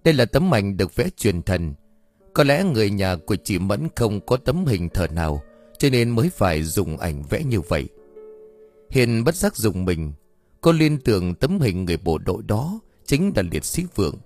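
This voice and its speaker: A man narrating an audio story in a steady, even storytelling manner. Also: fairly low pitch, normal speed, faint music behind. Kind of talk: scripted narration.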